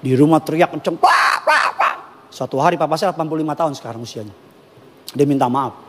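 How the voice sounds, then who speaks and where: A man with a Batak accent preaches to a congregation, his voice sitting high and ringing. He swings between forceful exhortation and quiet, hushed asides, teasing the listeners now and then. The sound carries a long reverb from a large church hall. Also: rapid-fire. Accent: Batak Indonesian. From North Sumatra (Batak). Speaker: pastor. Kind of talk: sermon.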